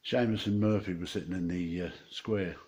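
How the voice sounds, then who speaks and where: A man from Norfolk with a low-pitched voice and an East Anglian accent. He rambles casually as host of a small video channel, laid-back and full of everyday dialect grammar. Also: steady tone, normal speed, darkish tone. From Norfolk, England. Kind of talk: casual rambling vlog chat and joke-telling.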